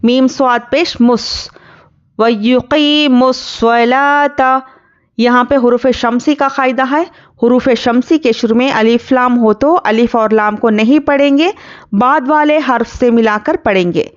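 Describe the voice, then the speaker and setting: A woman teaching tajweed, patiently explaining each rule word by word and reciting the verses slowly and drawn out. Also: a little high, lo-fi sound.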